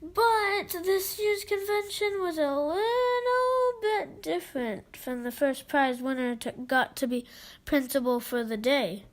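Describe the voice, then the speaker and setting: In a high-sitting voice, a child gives an expressive reading of a children's book, stumbling over words and pausing haltingly along the way.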